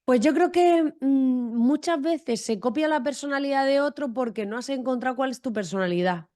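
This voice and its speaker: A woman's voice: sits high, normal speed, a little mellow. A woman from Almería, Spain, talking frankly, directly and with humor as a guest in a podcast interview. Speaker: guest entrepreneur.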